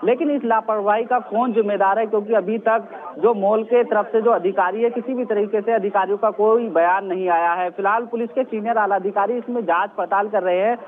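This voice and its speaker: A man's voice: high-pitched, steady tone, a little fast. A male field reporter giving an earnest live news report from outdoors at a scene, repeating the key questions. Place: outdoors at a mall. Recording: tinny phone-line audio.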